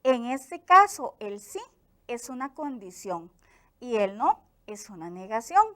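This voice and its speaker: A woman teacher from Costa Rica with a Costa Rican accent, giving a clear, explanatory grammar lesson for television. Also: fairly high pitch, big pitch swings, sharp tone. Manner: slow, clear explanatory delivery.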